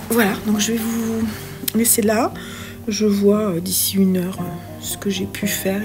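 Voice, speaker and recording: A French woman chatting casually in a reading vlog from home, hesitant and full of fillers. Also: medium pitch. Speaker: book vlogger.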